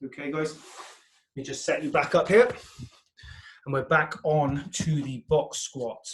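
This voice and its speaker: A man's voice: a little high, fairly even intonation, a little slow. A man coaching a workout as an instructor, giving short clipped commands, counts and form cues with encouraging check-ins. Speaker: fitness instructor. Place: indoor room, heard from a distance. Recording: echoey room, far from mic.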